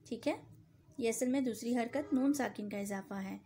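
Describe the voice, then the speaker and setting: A woman teaching Quran recitation rules with a sore throat, patient and repetitive, stretching out example words slowly. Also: fairly high pitch, dark tone, slight background noise. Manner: patient, repeats points, slows down for drawn-out example words. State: sore throat, clearing it often. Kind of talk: tajweed lesson.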